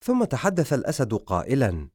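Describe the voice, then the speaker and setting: A man's voice: mid-range voice, wildly swooping pitch, a little fast, darkish tone, husky, no echo, studio quality. A man narrating a fantasy novel as an audiobook, telling the story expressively.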